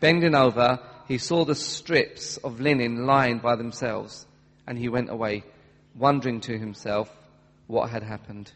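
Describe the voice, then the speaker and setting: A man's voice: mid-range voice, steady tone, measured pace, a bit bright. Man reading scripture in an echoing hall. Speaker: Bible reader in church. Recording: long hall reverb.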